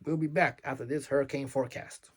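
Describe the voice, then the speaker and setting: A man putting on the voice of a smooth male TV news anchor with a polished announcer delivery. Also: medium pitch, steady tone, quick pace, pitched above the performer's own voice, lightly acted. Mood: announcing.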